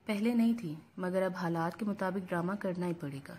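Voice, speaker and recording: A woman's voice: fairly low pitch, darkish tone, slight background noise, close to an everyday voice. A woman reading a bitter, defiant young wife. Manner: bitter, cutting retorts. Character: proud sharp-tongued young wife.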